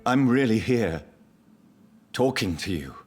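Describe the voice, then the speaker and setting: An actor playing a grieving young vampire son who speaks quietly and holds back tears, over cello music. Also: male voice, fairly low pitch, expressive, slow, breathy edge, full character voice. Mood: sorrowful. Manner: quiet, restrained, on the edge of tears. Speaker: game protagonist.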